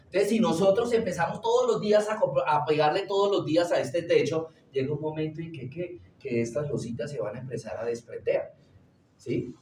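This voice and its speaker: A man's voice: fairly high pitch, a little mellow, slight background noise. A man teaching a classroom lecture, asking the class questions and answering them himself. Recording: roomy echo, distant from the mic.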